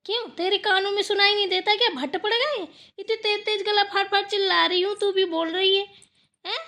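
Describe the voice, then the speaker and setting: A woman voicing a bossy, sharp-tongued older village mother-in-law in a cartoon, talking in a loud, scolding way. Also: high-pitched, unhurried. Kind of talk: cartoon voice acting.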